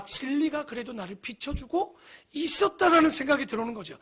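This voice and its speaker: High, bright-voiced joking male pastor. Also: slightly rough. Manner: conversational, joking preaching with rhetorical questions. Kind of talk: sermon. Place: church sanctuary.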